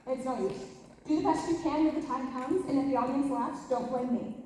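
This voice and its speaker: Casting: woman playing a loud, restless tomboy teen, high and theatrical, stage play in a distant echoey hall. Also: brisk, natural voice. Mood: brash, lively. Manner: exclamatory, declamatory, dramatic. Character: boyish, brash, theatrical teenage girl, Jo, loud and restless. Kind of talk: amateur stage play acting. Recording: echoey hall from far off, faint noise.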